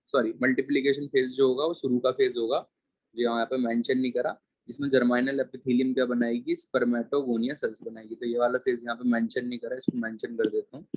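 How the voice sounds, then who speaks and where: A male biology teacher giving a classroom lecture, dictating slowly and repeating key terms word by word, mixing English terms into his explanation. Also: mid-range voice, breathy edge, no echo. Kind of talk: classroom lecture with board writing.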